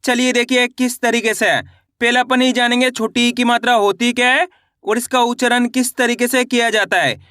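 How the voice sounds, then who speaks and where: A man with a high, bright voice gives a patient beginner lesson. He keeps asking questions and answering them himself, repeating each point. The sound is close and dry, with no room echo. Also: flat delivery, moderate pace. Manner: repetitive, asks and answers own questions. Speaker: Hindi teacher. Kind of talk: online lesson.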